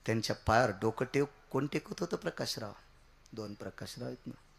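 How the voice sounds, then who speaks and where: A man preaching a devotional kirtan sermon, swinging from loud shouts to low murmurs and repeating key words for emphasis. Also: expressive, fairly quick, creaky, noisy background.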